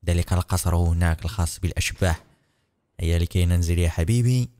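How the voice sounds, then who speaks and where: Fast-talking young male game commentator. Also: low-pitched. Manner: excited, chatty, addressing viewers. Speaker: gaming YouTuber. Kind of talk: let's play commentary.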